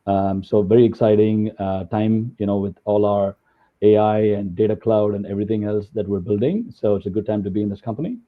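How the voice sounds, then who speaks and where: A man speaks in a fairly low voice, chatting through his slides with plenty of "um"s and "uh"s. The sound is thin and phone-like, as if carried over a video call line. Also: a little fast. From India. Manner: filler-heavy, conversational. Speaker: guest speaker. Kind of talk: webinar talk with slides. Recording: tinny phone-like call audio.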